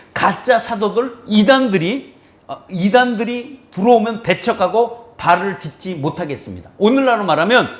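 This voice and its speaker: Animated man preaching in an echoey church. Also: high-pitched. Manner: preaching with questions to the congregation and dramatic quoted voices. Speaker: pastor. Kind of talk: sermon. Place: church sanctuary.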